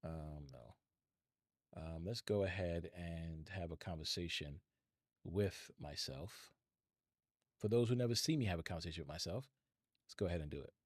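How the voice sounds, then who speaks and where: In a low-pitched voice at a moderate pace, with long pauses, a middle-aged tech streamer chats and rambles, addressing his viewers directly. The studio-quality sound has no room noise.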